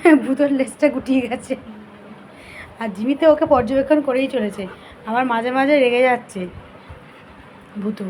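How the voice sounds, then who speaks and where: High-voiced woman doting on her dogs. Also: moderate pace, pauses often, a little mellow. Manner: doting baby-talk to the dogs. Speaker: vlogger filming her dogs. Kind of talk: casual home video narration. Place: at home indoors.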